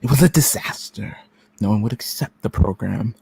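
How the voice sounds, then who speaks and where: A man playing a cold, contemptuous machine agent in a radio play reading, speaking deliberately with menace and dropping into whispers. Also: on the low side, creaky, warm tone, breathy edge, full character voice. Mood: cold contempt.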